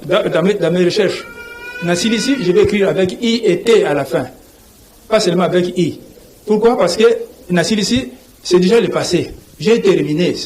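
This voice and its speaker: A man's voice: high-pitched, darkish tone, slight background noise, rough recording. A man, a language professor explaining in a TV interview, spelling out letters and often asking whether you see. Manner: didactic, repeats "vous voyez", spells out letters.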